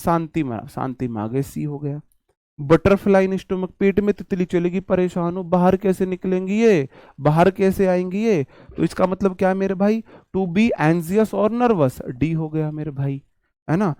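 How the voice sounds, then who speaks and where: Indian guy teaching idioms, pretty high voice, super dry close sound, drags out the english phrases and keeps calling everyone bro. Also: dark tone, no room sound. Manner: explains idioms in chatty Hinglish, slows down to spell out English phrases; calls students "my brother" and checks in with "right?". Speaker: online exam-prep English teacher. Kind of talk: casual live vocabulary lesson.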